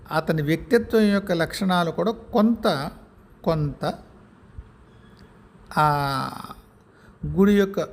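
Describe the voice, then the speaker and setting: A man giving a reflective spiritual talk, measured, pausing often and correcting himself, with English words mixed in. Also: high-pitched, vocal fry, slight background noise. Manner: measured, with many pauses and self-corrections; mixes English words into speech.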